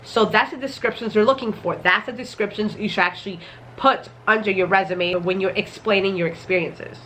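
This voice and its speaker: Female online tutorial host, medium pitch, mildly muffled from a head cold, casual explainer delivery. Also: fairly quick, fairly bright tone, a little hiss or hum. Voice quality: slightly muffled, congested from a cold. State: recovering from a cold. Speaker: software engineering YouTuber. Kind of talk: instructional talk to camera.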